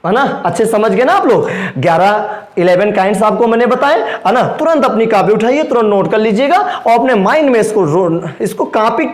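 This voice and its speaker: A man's voice: high-pitched, lively intonation, brisk. A male English grammar teacher with a Hindi accent lecturing a class, asking questions and answering them himself. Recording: echoey room.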